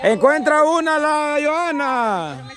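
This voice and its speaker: A Salvadoran-accented man hosts a party game outdoors. His voice sits high and his pace is slow and drawn out, as he calls the same cues again and again. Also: big pitch swings, crowd noise. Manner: calls out repeated cues slowly. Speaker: game host.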